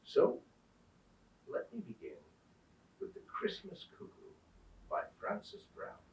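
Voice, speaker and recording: A man playing a jolly old Santa Claus, reading Christmas verse and tales aloud with a dramatic, deliberate, lilting delivery. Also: sits high, huge pitch swings, slight background noise, pitched above the performer's own voice, full character voice. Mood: storytelling. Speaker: storyteller at a museum storytime. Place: indoors in a museum house. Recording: roomy echo, distant microphone.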